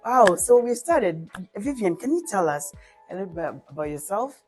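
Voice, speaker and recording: A woman's voice: medium pitch, very animated, moderate pace, darkish tone, faint music behind. A woman hosting an interview show, effusive and encouraging, reacting with frequent exclamations. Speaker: show host. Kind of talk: casual interview.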